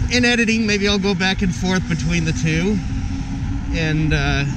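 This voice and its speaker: A bike vlogger riding an electric bike on an outdoor trail chats casually and hesitantly, thinking aloud, his slightly high voice a bit muffled by a balaclava. He's picked up by a gimbal camera or windscreened lapel mic, with wind, motor and traffic noise around him.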